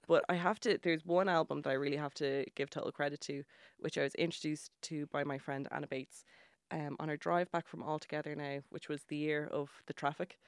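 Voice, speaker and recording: A woman's voice: sits low, steady tone, a little fast, few pauses, clear, resonant tone, dry recording, studio quality. A young woman, a journalist, chatting casually about music with many fillers and frequent laughs. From Ireland. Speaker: guest journalist. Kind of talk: casual radio chat.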